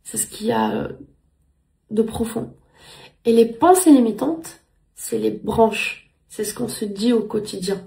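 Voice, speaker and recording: Her voice sits a little high, animated yet a touch slow, creaky and dark in tone. This thirties-aged vlogger, a native Spanish speaker, chats earnestly to camera at home, circling back over words as she searches for how to say things.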